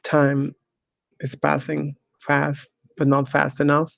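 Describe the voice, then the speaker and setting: A woman's voice: deep voice, monotone, takes it slowly, gravelly, no echo. A woman in her fifties hosting her own talk show in a rambling, scornful solo monologue full of "you know". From Mexico. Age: 50s. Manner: scornful, ranting.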